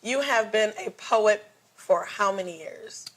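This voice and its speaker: A woman's voice: mid-range voice, measured pace, very noisy. A woman hosting a talk show, effusive and affectionate, laughing often with her guest. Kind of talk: bubbly talk show banter.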